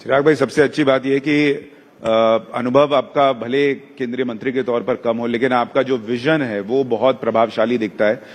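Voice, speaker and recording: A man's voice: medium pitch, fairly even intonation, normal speed. A man from Bihar hosting an on-stage interview, asking questions in a complimentary way and fond of wordplay. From Bihar, India. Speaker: interviewer, host. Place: stage event before a live audience. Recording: long hall reverb.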